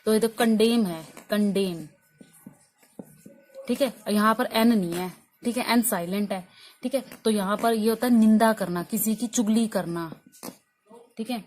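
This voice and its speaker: A woman's voice: mid-range voice, a little slow, long pauses, a little mellow, slight background noise. A woman English teacher giving a spoken English lesson in Hindi, explaining silent letters and quizzing her students with repeated questions.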